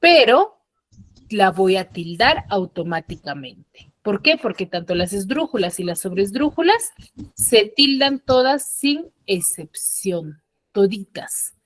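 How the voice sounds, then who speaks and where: A woman's voice: mid-range voice, very animated, slow pace, no room sound, clean studio sound. A woman teaching an online class, patiently explaining and often checking that her students follow. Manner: patient, asks frequent check questions. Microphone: computer mic on a video call.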